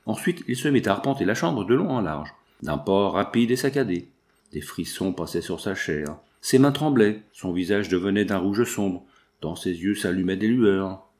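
A man's voice: sits low, animated, normal speed, darkish tone. Man narrating a classic novel. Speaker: audiobook reader.

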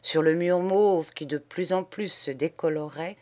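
A woman reading a classic novel aloud in measured, expressive narration. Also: lowish voice. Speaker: audiobook reader. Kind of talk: scripted narration.

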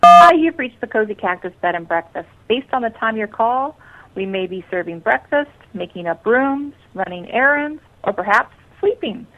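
A woman's voice: on the high side, background noise. Woman's polite answering machine greeting. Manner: polite, even and measured. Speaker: bed and breakfast owner. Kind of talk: scripted voicemail greeting. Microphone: telephone answering machine. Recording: tinny phone line.

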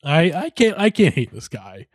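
Husky, lively podcast co-host man. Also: on the high side, normal speed, no echo, studio quality. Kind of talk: casual chat.

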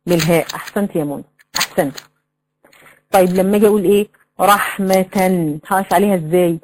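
A woman's voice: fairly low pitch, very fast, darkish tone, slight background noise, low-quality recording. A woman with an Egyptian accent teaching a tajweed lesson, explaining rules, quizzing her students and drawing out recited examples. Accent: Egyptian Arabic.

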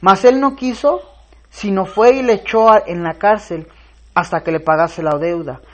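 A man preaching a sermon in an earnest voice, reading scripture aloud with pauses and swelling to loud, emphatic stress. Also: sits high. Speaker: pastor.

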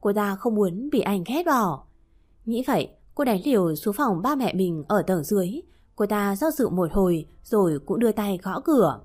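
A woman narrating a romance story in a steady reading voice. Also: medium pitch, moderate pace.

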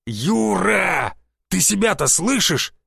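Brief: bossy secret police chief, loud and scolding, a gravelly, raised voice, played by a male reader. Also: on the high side, normal speed, no echo, clean studio sound. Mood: furious. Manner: shouting, cursing, scolding. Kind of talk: audiobook character voice.

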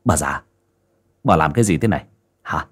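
A man voicing a cruel grown son who mutters and growls his threats low. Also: moderate pace. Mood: menacing.

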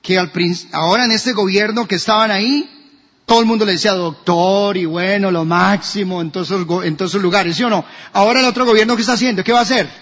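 A man's voice: sits high, quick pace, a bit bright. A man preaching a sermon as pastor, asking his congregation questions. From Colombia. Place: church hall. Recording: dull, echoey church recording.

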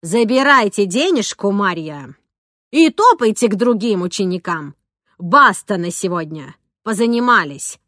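A woman's voice: medium pitch, big pitch swings, unhurried, fairly bright tone, no echo, studio quality. A woman reading an audiobook, voicing a blunt, protective nanny of fifty who scolds. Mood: stern. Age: 50s. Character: stern, gruff female nanny, fifty, protective. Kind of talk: audiobook character voice.

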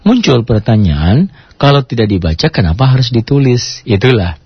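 Man, religious teacher, husky, animated pitch, drawn-out demonstrations, dull lo-fi recording. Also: dry recording. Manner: lively, drawn-out demonstrations of Arabic words. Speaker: Islamic teacher. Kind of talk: Quran reading lesson. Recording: dull lo-fi sound.

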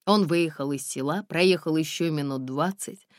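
A woman narrating a novel in an expressive audiobook reading. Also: deep voice, normal speed, no echo, clean studio sound. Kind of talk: scripted narration.

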